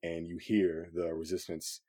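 Low mellow guy rambling about shots, lots of likes and ums, dry close mic. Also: unhurried, no echo. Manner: relaxed, rambling, many fillers. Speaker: cinematographer guest. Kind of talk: casual podcast conversation.

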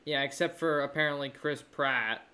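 A man co-hosting a podcast in casual chat, animated and acting out silly voices while he talks. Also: a little high, normal speed. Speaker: podcast co-host.

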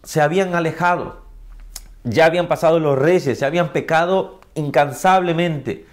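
A man teaching a chapter-by-chapter Bible reading, gentle and unhurried, with slow emphatic stresses. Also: fairly high pitch.

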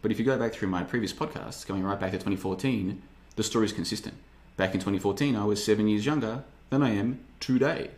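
A man in his thirties hosts a livestream podcast, speaking quickly with hardly any pauses in a lowish voice with a darkish tone. The casual monologue is rambling and sarcastic, often mocking others in put-on voices.

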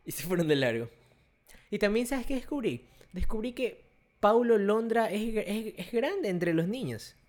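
A young man chatting casually, animatedly acting out quoted voices as he tells stories. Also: a little slow. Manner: animated storyteller, acts out quotes in high voices. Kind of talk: casual chat.

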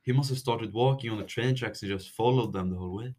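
A man's voice: mid-range voice, quick pace, a little mellow, lightly acted. Chris Chambers, brash streetwise boy leader played by a man. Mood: casual, keen. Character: tough, streetwise boy gang leader, loyal friend. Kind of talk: amateur dramatic read-through.

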